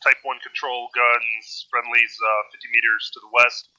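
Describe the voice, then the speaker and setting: A man's voice: medium pitch, level tone, normal speed, pushed and bright, no room sound, dull audio. A man acting as a helicopter pilot in a military game, giving clipped radio-procedure readbacks over a walkie-talkie.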